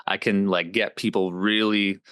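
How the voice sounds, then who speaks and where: A man's voice: fairly low pitch, level tone, normal speed, a bit bright, clear, resonant tone, no echo. A man in his twenties, a comedy creator, chatting casually as a guest, upbeat and rambling with lots of fillers. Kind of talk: casual interview chat.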